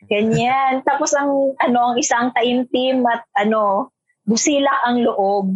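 Filipino woman in her twenties, high voice, casual storytelling, feisty and chatty, dry slightly muffled recording. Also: measured pace, slightly rough, no echo. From Metro Manila, Philippines. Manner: animated, switching between Tagalog and English, acts out quoted voices; feisty, talkative.

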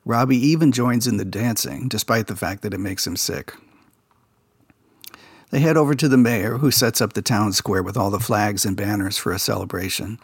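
This podcast host speaks at a moderate pace in a slightly rough voice on the low side, recorded cleanly in a studio with no room sound. In a relaxed, insider way, he recaps a kids' TV episode and tells behind-the-scenes stories about its production.

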